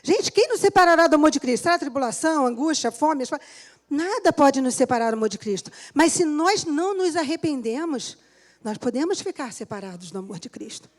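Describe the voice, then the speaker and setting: A woman's voice: high voice, animated, a little fast. A middle-aged woman pastor preaching a sermon in church, telling a personal testimony and laughing often as she talks to the congregation.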